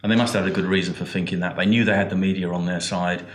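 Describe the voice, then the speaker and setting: A man speaking briskly and emphatically in a political panel discussion. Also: deep voice, steady tone. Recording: echoey room, faint noise.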